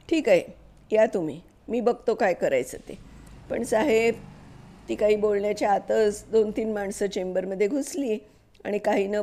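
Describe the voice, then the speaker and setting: Female narrator for a story reading: steady, measured, warm and mellow. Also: medium pitch.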